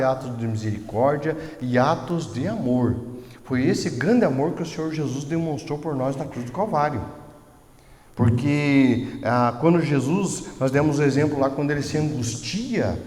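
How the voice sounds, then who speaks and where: A man with a Brazilian Portuguese accent preaching a sermon as pastor, moving between soft storytelling and loud, emotional preaching. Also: a little high. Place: church hall. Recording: echoey hall with long reverb.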